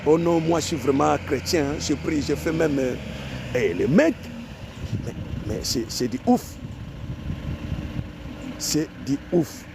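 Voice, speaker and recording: A man from Africa lectures his viewers in a fairly high voice, repeating his points and firing off rhetorical questions. Faint street and traffic noise sits under the recording. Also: expressive, slow, gravelly, pauses often. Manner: repetitive, exhorting, rhetorical questions. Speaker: online commentator. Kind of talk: emphatic monologue to viewers.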